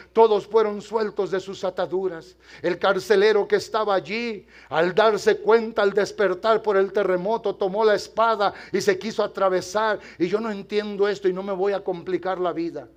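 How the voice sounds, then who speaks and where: An older man, a pastor, preaching a sermon to a congregation, moving from quiet storytelling to loud, impassioned preaching and addressing the listeners directly. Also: sits high. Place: church.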